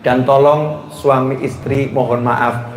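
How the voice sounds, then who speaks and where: A man preaching a lively sermon to a live audience, joking and often rising into laughing shouts. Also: medium pitch, slow. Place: gathering hall with an audience. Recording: roomy hall echo, faint background noise.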